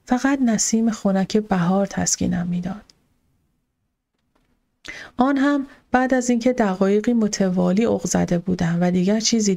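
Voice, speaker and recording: Mellow-voiced woman narrating an audiobook. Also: mid-range voice, vocal fry. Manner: calm, steady storytelling. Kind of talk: scripted first-person narration.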